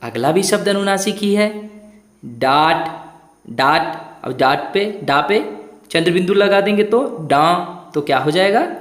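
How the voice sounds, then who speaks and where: A man's voice: high voice, animated, a little slow, roomy sound. A man teaching a Hindi lesson to young children, asking questions and repeating each answer while stretching the words out.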